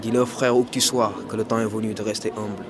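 A man, a student and slam poet, reciting a poem in a steady, solemn way. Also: lowish voice, quick pace, noisy background. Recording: outdoor crowd chatter behind.

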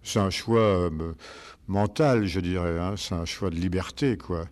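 An older man, a stage actor, answering interview questions in a rambling, halting way with many restarts. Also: low-pitched, a little mellow.

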